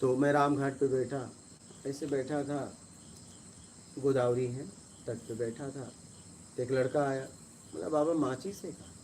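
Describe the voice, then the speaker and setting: A man, a spiritual teacher, telling stories to listeners and acting out quarrels in a rising, forceful voice. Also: mid-range voice, level tone, a little slow, pauses often, slight background noise. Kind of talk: storytelling talk to listeners.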